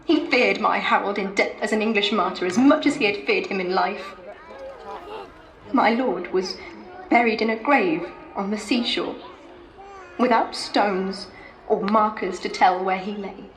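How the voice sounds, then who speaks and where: A woman's voice: mid-range voice, unhurried, roomy sound, a little hiss or hum, natural voice. A woman playing a grieving medieval noblewoman, speaking in solemn archaic phrasing. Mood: sorrowful. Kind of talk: dramatic historical monologue.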